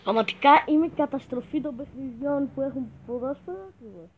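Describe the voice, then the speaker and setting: A male YouTuber giving joking, crude gameplay commentary that bursts into excited shouts. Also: very high voice, dull audio, background noise. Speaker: gaming YouTuber.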